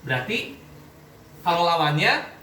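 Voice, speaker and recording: High-voiced man quizzing his class. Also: very animated, unhurried, pushed and bright. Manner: quizzes students, checks understanding often. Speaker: Quran recitation teacher. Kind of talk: classroom tajwid lesson. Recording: echoey room, voice from a distance, faint background noise.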